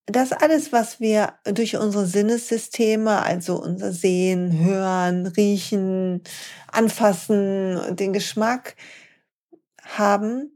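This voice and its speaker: A woman with a mid-range voice hosts a yoga podcast. She talks with eager enthusiasm, then slows down to guide listeners through calm breathing exercises. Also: mid-range voice. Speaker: podcast host and yoga teacher.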